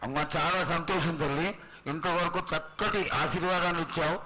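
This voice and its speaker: A man's voice: on the high side, steady tone, a little fast, bright, forceful tone. A man speaks as a temple attendant, making a formal, reverent and pleading devotional petition phrase by phrase. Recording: noisy public ritual ambience.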